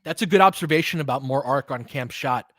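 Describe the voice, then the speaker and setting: Medium in pitch and fairly bright in tone, a man talks a little fast in a clean, echo-free studio recording. His live basketball commentary is fan-side and partisan, made up of short, fragmentary calls of the plays.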